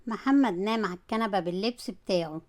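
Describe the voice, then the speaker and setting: A woman with an Egyptian Arabic accent, narrating a comic story in a brisk, animated way. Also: medium pitch.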